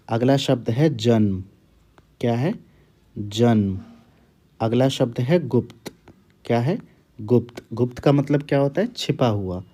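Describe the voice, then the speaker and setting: A man's voice: medium pitch, warm tone. A man teaching Hindi, dictating words and repeating each one twice. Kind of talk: word dictation.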